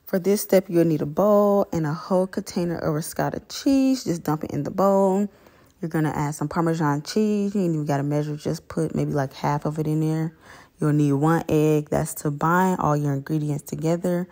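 Woman doing a laid-back cooking voice-over, deep warm voice, just walking you through the steps. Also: normal speed. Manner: relaxed, plain-spoken step-by-step instructions.

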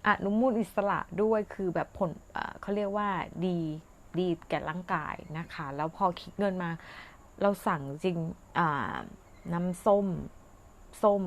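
A woman's voice: mid-range voice, measured pace. Brief: woman host, casual rambling storyteller, chatty and polite. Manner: chatty, rambling, polite particles, laughs often. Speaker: livestream host.

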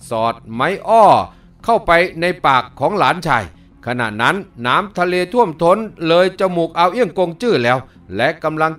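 A man's voice: fairly high pitch, fairly bright tone, distant mic. A man narrating a novel aloud as an audiobook reader.

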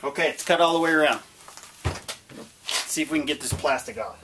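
A man's voice: a little high, moderate pace, very noisy. A man in his forties hosting a casual vlog, chatting in an easygoing, plain-spoken way to a camera at close range. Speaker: channel host. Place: outdoors in a yard, later an indoor workshop.

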